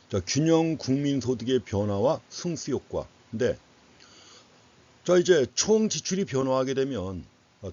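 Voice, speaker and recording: A man with a medium-pitched, slightly mellow voice delivers an explanatory economics lecture. He teaches didactically, asking students questions and repeating key phrases for emphasis. The recording is dull, lo-fi lecture audio.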